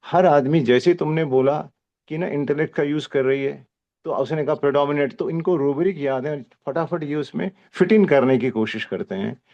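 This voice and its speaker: Older man teaching warmly over a call. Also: a little high. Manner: fatherly, calls the presenter "beta", explains slowly with rhetorical checks. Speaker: senior homeopathy teacher giving feedback. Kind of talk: mixed Hindi-English teaching talk. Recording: muffled video-call audio.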